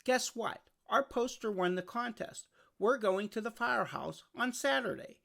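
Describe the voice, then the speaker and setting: A storybook reader voicing an eager, excitable little boy who exclaims brightly. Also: medium pitch, normal speed, gravelly, pitched above the performer's own voice. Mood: eager, excited.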